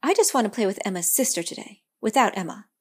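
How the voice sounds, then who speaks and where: Brief: a woman playing a hurt, indignant schoolgirl, high and huffy, lively pitch. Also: fast, slightly rough. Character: upset young girl, indignant and stubborn.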